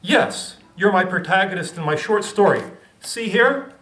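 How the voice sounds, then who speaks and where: A man's voice: high voice, lively intonation, measured pace, fairly bright tone, echoey room, voice pushed up. A man doing a bossy exasperated author. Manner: insistent, lecturing, exasperated.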